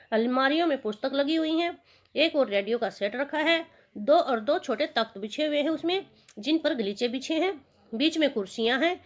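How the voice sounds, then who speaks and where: A woman teacher reading a play from a school textbook aloud, then retelling each line in simple words. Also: high voice.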